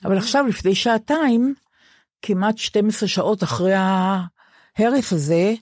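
An older Israeli woman co-hosting a podcast, talking in a measured, earnest way. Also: medium pitch, darkish tone, dry recording, studio quality. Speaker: podcast co-host. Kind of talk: casual conversation.

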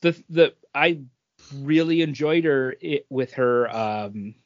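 Speaking slowly in a medium-pitched voice, this man co-hosts a podcast and gives his views on films in relaxed conversation. There's no echo; the recording comes across as close, dry, dull and lo-fi.

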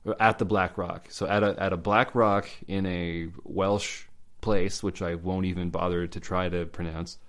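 A man talking casually as podcast co-host, halting with many fillers and restarts. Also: sits low, level tone, fairly bright tone. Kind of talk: casual chat about legends.

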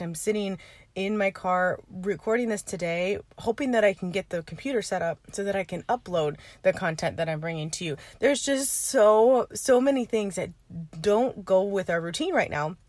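A woman's voice: lowish voice, no room sound. A woman hosting a podcast and rambling casually while sitting in her parked car, laughing now and then. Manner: rambling, chatty, laughs often. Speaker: podcast host and coach. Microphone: informal setup, no computer.

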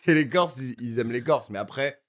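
A man's voice: medium pitch, fairly quick. A man from France in casual podcast chat, stumbling over repeated words and using street slang.

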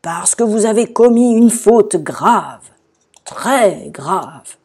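A woman's voice: mid-range voice, lively intonation, drawn-out words, darkish tone, husky, pitched above the performer's own voice, heavily acted. A woman voicing a gloomy, stern male castle guard in a storybook, lugubrious and grumbling. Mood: grim.

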